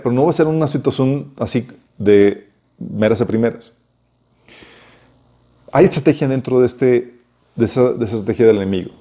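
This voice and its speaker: Male Bible teacher, warm mellow tone, chatty and animated, leans on rhetorical questions. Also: mid-range voice. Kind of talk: conversational Bible study teaching.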